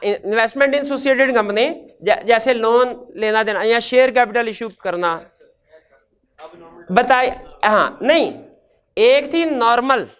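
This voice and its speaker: Guy teaching an accounting class, smooth clear voice, quizzes the room then answers himself. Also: very high-pitched, a bit bright. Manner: explains step by step, asks and answers own questions. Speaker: accounting lecturer. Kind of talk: classroom lecture with questions to students.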